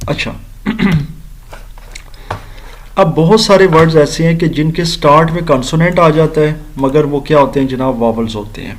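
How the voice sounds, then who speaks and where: A man teaching an English grammar lesson, explaining slowly, spelling out letters and repeating words for his students. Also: a little high. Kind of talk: recorded grammar lecture.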